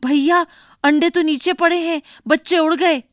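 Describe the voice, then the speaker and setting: A woman voicing a stubborn, tearful little girl who tattles, in a shrill, pleading voice for a storybook reading. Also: normal speed, fairly bright tone, no room sound, studio quality. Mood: excited, anxious.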